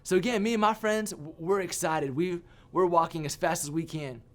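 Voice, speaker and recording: A man giving a sermon as a youth pastor, telling a personal story with animated, self-mocking humor. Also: high-pitched, normal speed.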